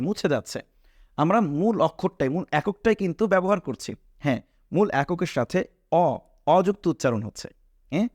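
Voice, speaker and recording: Patient male instructor, slightly high-pitched, drills points by repetition, dry close sound. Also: darkish tone, dry recording. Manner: patient, repeats key points, asks and answers his own questions; mixes a few English words into his teaching. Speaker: Quran reading teacher. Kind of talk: online class lesson.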